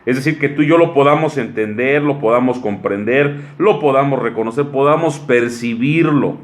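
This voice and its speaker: Pastor mexicano en sermón, voz de ritmo cambiante. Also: male voice, mid-range voice. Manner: slow, stretched-out word lists with sudden quick asides. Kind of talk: sermon.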